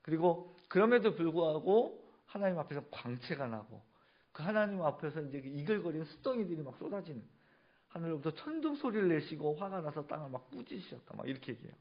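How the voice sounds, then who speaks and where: Animated male pastor preaching. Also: fairly high pitch, quick pace, dull audio. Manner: lively preaching, asks the congregation questions. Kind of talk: sermon. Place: church sanctuary.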